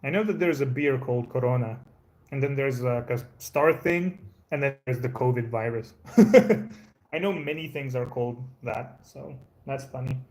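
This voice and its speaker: Here a Croatian man streams live from home, casually rambling to viewers in English with an American-sounding accent, though Croatian is his native language. The voice sits mid-range, a little mellow, at a moderate pace, and he keeps restarting and dropping in fillers in his relaxed manner.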